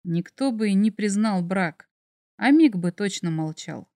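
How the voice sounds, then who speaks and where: Teasing dragon emperor in an audiobook, a woman reader doing a lowered male voice, soft and smug, dry booth sound. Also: lively intonation, unhurried, no echo. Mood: serious. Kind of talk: audiobook character voice.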